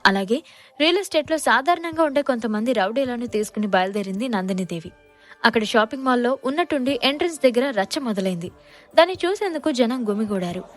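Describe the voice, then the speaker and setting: A woman narrator telling a dramatic audio story in scripted, storytelling delivery. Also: fairly high pitch.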